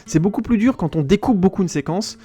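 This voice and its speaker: A man's voice: high voice, animated, brisk, mellow, slightly rough, faint music behind. A man hosting a podcast, giving a casual spoken film review, chatty and digressive, often stopping to search for a word. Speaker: film critic podcast host.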